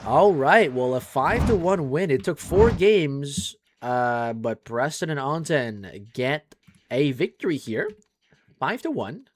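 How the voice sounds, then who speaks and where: A man's voice: medium pitch, sing-song, takes it slowly, slight background noise. A young man casually hosting a game tournament on a live stream, chatting loosely and calling the results. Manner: laid-back, chatty, says "like" and "bro" often.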